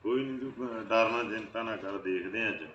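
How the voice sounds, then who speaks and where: An actor playing a tenant husband who calmly reassures his wife. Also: lowish voice, fairly quick, highs cut off, a little hiss or hum, natural voice. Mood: reassuring. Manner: steady, reassuring. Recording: echoey room.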